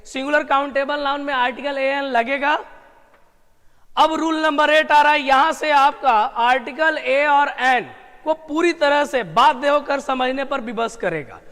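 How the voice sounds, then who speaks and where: Man, English grammar teacher, very high-pitched voice, repeated rhetorical questions, slow stressed key terms, long room reverb. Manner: lively with sudden emphatic outbursts. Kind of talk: online grammar lesson.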